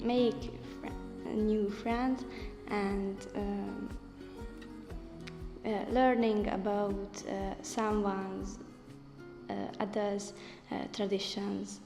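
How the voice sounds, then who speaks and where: A woman from Hungary introducing herself very slowly and softly, hesitating often. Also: mid-range voice, little pitch movement. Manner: very slow, soft, hesitant. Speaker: project participant. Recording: distant, echoey, with music.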